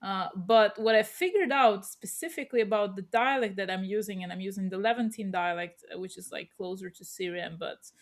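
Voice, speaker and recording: A woman's voice: mid-range voice, fairly quick, hardly any pauses. A woman in a casual discussion, talking in a chatty, explanatory way and offering examples as a panel participant. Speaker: panel participant, language learner.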